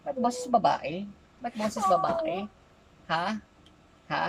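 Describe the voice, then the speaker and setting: A woman's voice: a little high, wildly swooping pitch, slow, creaky, very noisy. A woman folk healer interrogating a spirit during an exorcism, insistently repeating short questions.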